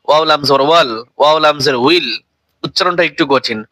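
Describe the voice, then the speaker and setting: A man teaching Quran reading, spelling out letters and vowel marks aloud and then reciting each word slowly. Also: fairly high pitch, bright, forceful tone, no echo, rough recording.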